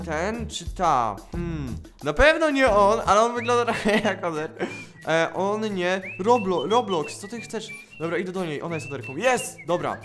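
A man giving excitable gameplay commentary, exclaiming and laughing as he reacts to the game. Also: high voice. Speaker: gaming YouTuber.

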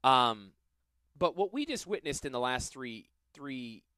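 A middle-aged man with a Southern US accent, a financial planner hosting a radio show, explaining things in a lively, self-deprecating way. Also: mid-range voice, clear, resonant tone, no room sound. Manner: animated, self-deprecating, quick asides. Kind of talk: casual radio chat and explanation.

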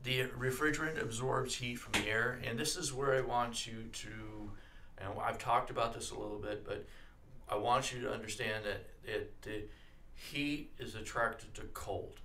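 A man teaching an automotive class over slides, talking in a halting way with many fillers and restarts and frankly adding his own opinions. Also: mid-range voice, fairly even intonation, pushed and bright, slight background noise. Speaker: automotive instructor. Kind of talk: slide lecture.

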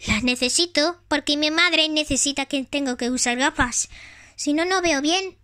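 A woman voicing a friendly young squirrel from a club, speaking in a high, welcoming way, in a homemade toy play. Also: moderate pace, sharp tone, no room sound, clean studio sound.

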